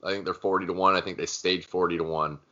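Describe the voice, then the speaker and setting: Casting: male sports co-host, lowish and very sharp, forceful voice, blunt and opinionated, on a dull lo-fi line. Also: flat delivery, fast. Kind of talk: casual sports chat. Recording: dull lo-fi sound.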